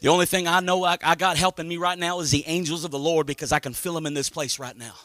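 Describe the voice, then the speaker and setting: A man preaching as senior pastor. He moves from hushed talk to shouted passages and repeats amen and hallelujah. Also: fairly high pitch, fairly even intonation, fast talker, no echo, clean studio sound. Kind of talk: Pentecostal preaching.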